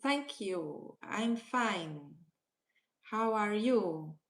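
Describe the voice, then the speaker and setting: Slow-paced Swiss German woman teacher. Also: mid-range voice, lively intonation. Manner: slow, repeats questions to viewers, switches between German and English. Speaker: language teacher. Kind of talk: live-stream lesson.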